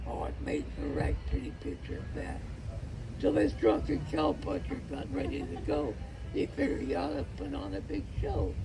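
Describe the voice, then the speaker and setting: A man with a folksy cowboy drawl, reciting rhyming cowboy poetry like a storyteller in a gravelly voice. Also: fairly high pitch, very noisy.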